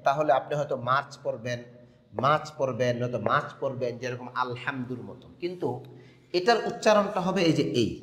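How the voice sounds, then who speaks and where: A man's voice: mid-range voice, fairly bright tone. A man giving an instructional talk, emphatic, asking rhetorical questions and spelling out sounds step by step. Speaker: teacher. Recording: echoey room with long reverb.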